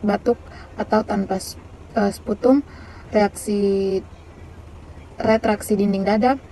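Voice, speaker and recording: A woman reads through a nursing care plan item by item, stumbling and restarting as she goes. Her pitch barely moves, giving a monotone, list-like delivery. Faint traffic noise sits behind her voice. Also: rough recording. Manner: halting, with many fillers and restarts.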